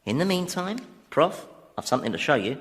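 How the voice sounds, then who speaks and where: An actor playing Satan as a huge winged beast ruling hell, dry, sarcastic and casually cruel, in a radio comedy. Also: male voice, on the high side, big pitch swings, fairly quick, fairly bright tone. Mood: mocking, contemptuous. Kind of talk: radio comedy drama acting.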